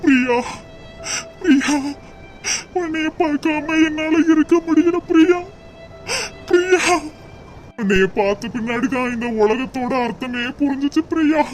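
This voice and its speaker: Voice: mid-range voice, faint music behind, natural voice. A performer voicing a lovesick, stubborn young man in a cartoon, sobbing and pleading. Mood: heartbroken. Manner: sobbing, drawn-out lament. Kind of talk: cartoon voice acting.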